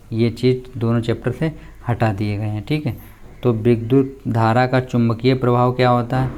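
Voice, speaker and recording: Flat, smooth-voiced male teacher. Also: mid-range voice. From India. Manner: plain explaining tone with frequent check-ins. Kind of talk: explaining a syllabus to students.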